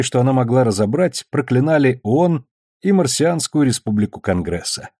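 Husky male audiobook narrator. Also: medium pitch, dark tone, dry recording, studio quality.

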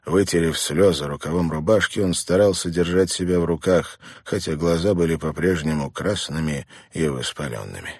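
A male audiobook narrator reads in a measured, dramatic way. His voice is very deep and husky, and the recording is dry with no room sound. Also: a little mellow, dry recording. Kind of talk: scripted narration.

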